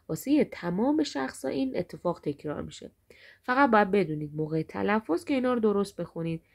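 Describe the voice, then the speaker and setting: Woman teacher going over grammar w/ her students, kinda low gravelly voice, drags out the example words slow. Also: a little mellow. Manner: repeats words slowly and stretched for drill; addresses students directly. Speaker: Arabic teacher.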